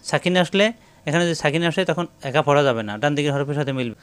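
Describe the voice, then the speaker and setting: A man's voice: a little high, racing, fairly bright tone, clean tone. A man teaching a recitation lesson step by step, repeating syllable drills and speaking directly to his viewers. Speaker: Quran reading teacher.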